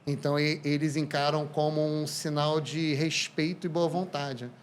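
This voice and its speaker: Animated Brazilian man telling stories. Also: a little high, moderate pace. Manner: animated, lively anecdotes. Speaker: podcast guest. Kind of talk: casual storytelling.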